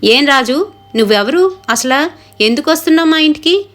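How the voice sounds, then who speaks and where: A woman's voice: fairly high pitch, moderate pace, fairly bright tone, natural voice. A woman voicing a frightened, pregnant young wife who pleads anxiously. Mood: indignant.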